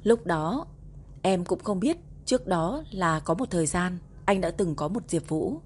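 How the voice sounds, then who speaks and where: A woman voicing a stubborn, playful young wife in a romance audiobook, in a low, mellow tone. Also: lively intonation, a little slow, slight background noise. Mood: tender. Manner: playful, teasing.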